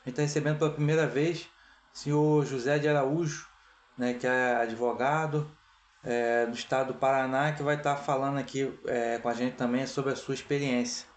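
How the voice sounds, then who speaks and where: A Brazilian man presiding over an association meeting, opening it in a measured, formal way with frequent "tá?" tags. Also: medium pitch, steady tone. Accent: Brazilian Portuguese. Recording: echoey room.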